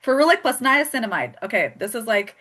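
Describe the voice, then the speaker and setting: A woman's voice: on the high side, big pitch swings, brisk, a bit bright. A woman hosting a live skincare product demonstration, chatty and joking as she walks through each step. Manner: chatty and joking, laughs often. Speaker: host and skincare consultant.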